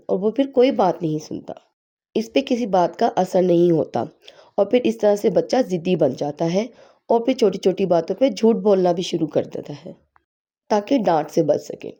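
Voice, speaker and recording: A woman with a slightly hoarse voice from a sore throat, calmly explaining parenting advice point by point in a home vlog. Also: medium pitch, highs cut off. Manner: calm, explanatory advice-giving, pausing on numbered points. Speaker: parenting vlogger.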